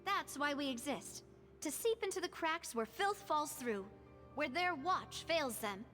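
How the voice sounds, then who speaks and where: A woman's voice: high voice, lively intonation, measured pace, bright, forceful tone, soft background music, exaggerated voice. A woman voicing a confident, gracious young noblewoman in a game, speaking in an elegant, old-fashioned transatlantic style. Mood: earnest. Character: poised young noblewoman leading a secret group, confident and gracious. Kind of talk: game voice acting.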